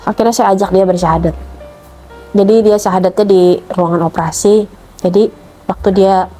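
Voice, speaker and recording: A middle-aged woman telling a personal testimony about her child, emotionally retelling events and acting out the dialogue. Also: warm tone. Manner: emotional retelling, acts out dialogue with rising pitch. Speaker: mother telling her conversion story.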